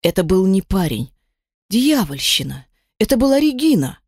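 A reader giving first-person audiobook narration with a dramatic, expressive storytelling manner. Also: mid-range voice, measured pace, no room sound, studio quality.

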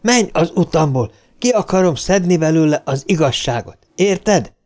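A man reading an audiobook, voicing a hot-tempered male mathematician who blusters and shouts. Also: a little high, expressive, close to an everyday voice. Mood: angry.

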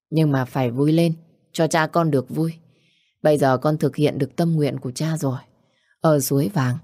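A grown man with a fond, chiding way of giving advice, low in pitch and mellow, as a woman storyteller puts him on. The sound is dry. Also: no room sound. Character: teasing grown man, fond uncle figure.

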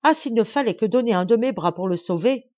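A woman doing a gruff old soldier. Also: mid-range voice, lively intonation, moderate pace, dry recording, lo-fi sound, lightly acted. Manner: loud indignant outbursts, swearing. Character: gruff loyal old male corporal, blustering. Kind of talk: audiobook character voice.

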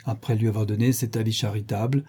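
A man reading a classic novel aloud as narrator, with a measured storytelling delivery. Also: lowish voice, steady tone, mellow, breathy edge. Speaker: audiobook narrator. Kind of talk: scripted narration.

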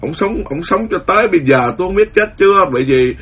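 A Buddhist monk giving a lively storytelling sermon, acting out the voices of the people in his story. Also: sits high, fast talker, husky. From Vietnam. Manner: animated, acts out quoted voices, laughs at his own story. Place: lives in the US, speaking to followers.

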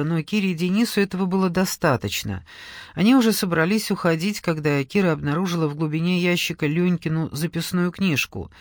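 A man narrating an audiobook story in a measured, even way. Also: high-pitched, no room sound, clean studio sound. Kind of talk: scripted narration.

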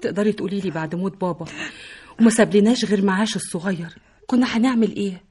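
A woman's voice: medium pitch, very fast, darkish tone, husky, natural voice. An actress with an Egyptian accent playing an earnest young woman in a radio drama, a devoted daughter and student reassuring her mother. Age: young adult.

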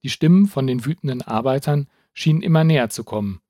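A man reading an audiobook story as narrator, in a measured, steady way. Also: medium pitch, no echo, clean studio sound.

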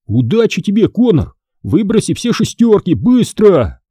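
A man's voice: high-pitched, big pitch swings, a little slow, dark tone, slightly rough, no echo, studio quality, voice pushed up, exaggerated voice. Man doing a panicky, snappish young boy. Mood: encouraging. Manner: stammering, snapping.

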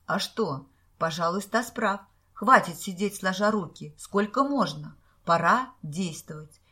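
A woman reading the part of an eager, excitable teenage boy in a storybook. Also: medium pitch, a little slow, breathy edge.

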